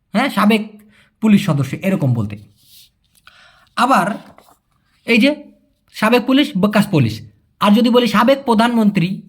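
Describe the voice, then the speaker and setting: A young man from Bangladesh teaching Malay in a casual way, answering viewer questions, chatty and repeating key words slowly. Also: sits high. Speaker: language teacher.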